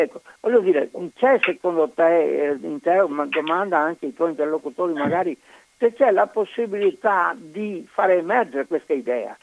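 A man from Padua calling in to a radio show over the phone, talking haltingly and searching for his words. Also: sits high. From Padua, Italy. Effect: caller heard over a phone line. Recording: dull lo-fi phone line.

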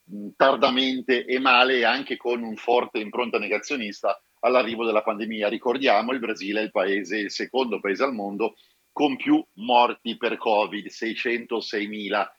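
A foreign correspondent, a man, speaking over a phone line in a live radio interview and explaining events in a measured way. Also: on the low side, steady tone, fairly bright tone, breathy edge, dry recording. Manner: explanatory, measured, addresses listeners directly. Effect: heard over a phone line. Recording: dull, muffled phone line.

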